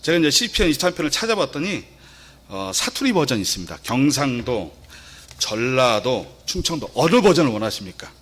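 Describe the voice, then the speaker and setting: A man giving a sermon as a lay preacher, speaking softly and hesitantly with many fillers. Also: mid-range voice, very animated, brisk.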